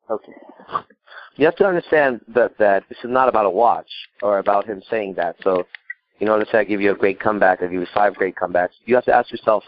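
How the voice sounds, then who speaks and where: An Iranian man, a podcast host and coach, gives improvised advice on a call-in show in a lowish voice, emphatic and blunt, repeating points and asking rhetorical questions. The sound is lo-fi with no echo.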